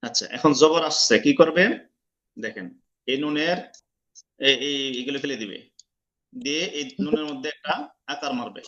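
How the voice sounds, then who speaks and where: A man's voice: fairly high pitch, moderate pace, pauses often, a bit bright, lo-fi sound. A man teaching an online lesson, explaining step by step and quizzing his students. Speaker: Quran recitation teacher.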